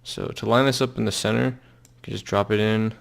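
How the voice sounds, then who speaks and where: Young male tutorial voice, lowish and gravelly, rambling with fillers, keyboard clicks behind. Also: steady tone. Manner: loose and halting, many fillers and trailing restarts. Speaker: software tutorial maker. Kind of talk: casual screen-recorded tutorial.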